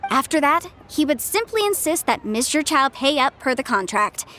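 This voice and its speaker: A young woman with a high, sing-song, sharp voice performs a legal adviser in a game cutscene at a moderate pace. Her delivery is composed, precise and businesslike, with faint game music and slight background noise.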